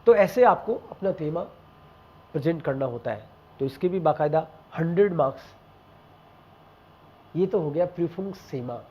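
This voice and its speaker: A man's voice: fairly high pitch, lively intonation, a little slow, long pauses, lo-fi sound. A man teaching a German exam class in a casual explaining style, talking straight to his students and dropping in German example sentences. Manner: mixes Hindi with German example phrases, addresses students directly.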